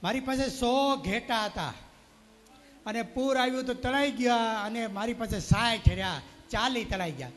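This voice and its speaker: Guy putting on a tearful shepherd, kinda high, lots of hall echo. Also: normal speed. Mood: pleading. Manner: pleading, tearful. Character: grieving poor village shepherd, adult man. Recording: long reverb from a loud PA.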